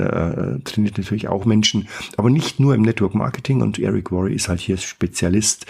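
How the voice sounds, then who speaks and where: A man's voice: lowish voice, vocal fry, a little mellow, breathy edge. A man hosting a podcast, talking in a casual, enthusiastic and rambling way, often restarting his sentences. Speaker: podcast host.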